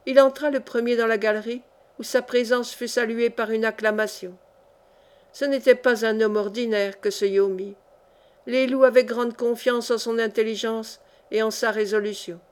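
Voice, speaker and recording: A woman reads a historical novel aloud in a clear, steady way. Her voice is somewhat high. The delivery is even and paced for an audiobook. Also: normal speed. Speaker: audiobook reader.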